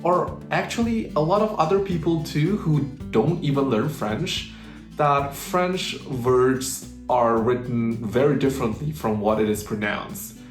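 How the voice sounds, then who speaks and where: A man's voice: mid-range voice, soft background music. Patient man teaching pronunciation, roomy sound. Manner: patient, slows down to demonstrate words. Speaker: language teacher. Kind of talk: explanatory video lesson. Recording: roomy, echoey room.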